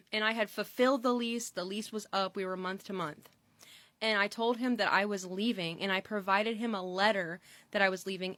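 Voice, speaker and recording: A woman's voice: medium pitch, fairly bright tone, no echo. A woman talking to the camera in an exasperated, rambling way about an eviction on her record. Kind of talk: casual vlog confession.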